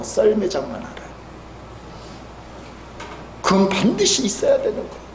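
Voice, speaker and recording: Gravelly high-voiced male pastor preaching. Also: a little hiss or hum. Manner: storytelling, swings between soft asides and loud emphatic peaks. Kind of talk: sermon. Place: church sanctuary. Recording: echoey church hall.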